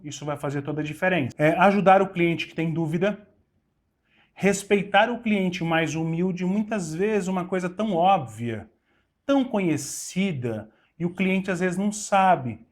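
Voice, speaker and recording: A middle-aged man with a Brazilian Portuguese accent teaches waiter skills with a slightly raised pitch. He leans on key words and slips briefly into the voices of a waiter and a guest to show how service should sound. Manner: acts out short waiter-and-guest dialogues, stresses words. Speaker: waiter trainer. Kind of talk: instructional talk to camera.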